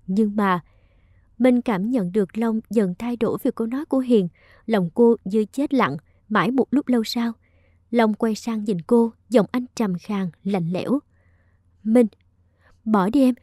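A woman's voice: fairly high pitch, dark tone, no room sound, clean studio sound. A woman narrating a romance story aloud with emotive storytelling.

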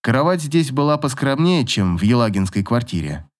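A man reading a novel aloud in scripted, expressive narration. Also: mid-range voice, normal speed. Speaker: audiobook narrator.

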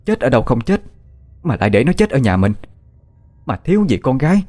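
Cruel scheming village mother, put on by a male narrator, harsh and commanding, with a lively swinging pitch. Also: brisk. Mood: cold commanding.

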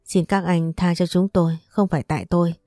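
A woman's voice: fairly low pitch, fairly even intonation, a little fast, mellow, no echo, studio quality, faint music behind, close to an everyday voice. A woman voicing a cowardly captured thug begging for mercy in a storybook. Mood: pleading. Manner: pleading.

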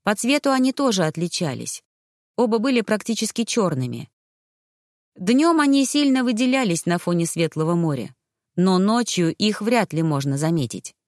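A woman narrating a first-person fantasy audiobook, expressive and lively in the dialogue. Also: mid-range voice, moderate pace, no echo, clean studio sound.

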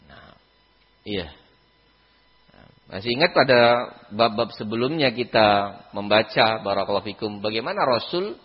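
Male mosque teacher, husky, lively, filler-heavy; dull lo-fi mosque recording. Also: medium pitch, long reverb tail. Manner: lively, keeps repeating a pious filler phrase. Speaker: Islamic teacher. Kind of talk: mosque religious lesson.

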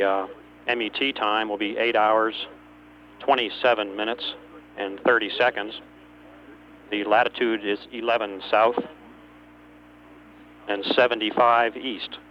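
A man working as a capsule communicator, making procedural, slightly hesitant radio calls to a spacecraft over a dull channel. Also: on the low side. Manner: procedural, hesitant between phrases. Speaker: capsule communicator at ground control. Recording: dull radio channel with faint noise and hum.

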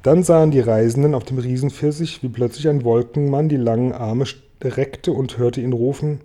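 A man reading a children's storybook aloud in a calm, measured way. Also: mid-range voice. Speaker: audiobook reader. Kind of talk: storybook narration read aloud.

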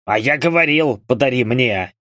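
A man voicing a soldier who is the unit's loud, teasing prankster, playing to the room. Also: medium pitch, expressive, normal speed, no echo, clean studio sound.

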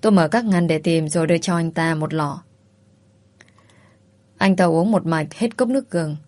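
Low-voiced woman narrating a story. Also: normal speed, darkish tone. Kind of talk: first-person story narration.

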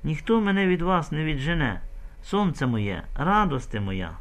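A man's voice: fairly high pitch, big pitch swings, normal speed, pitched above the performer's own voice. A man voicing a young village woman in love, pleading in a feverish, tearful way. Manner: feverish, pleading whisper-sobbing.

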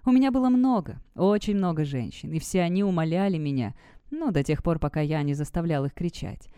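A woman's voice: deep voice, animated, brisk, mellow, clear, resonant tone, no echo. A woman voicing a cruel, sneering male vampire master in an audiobook. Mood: gloating. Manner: taunting, sneering.

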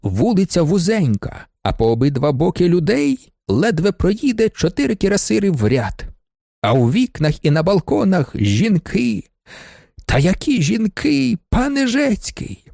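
A man's voice: high-pitched, sing-song, unhurried, gravelly, dark tone, dry recording, studio quality, full character voice. A man reading the part of an emotional older male estate manager recalling his cavalry days, in a fond, tearful storytelling manner. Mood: reminiscing.

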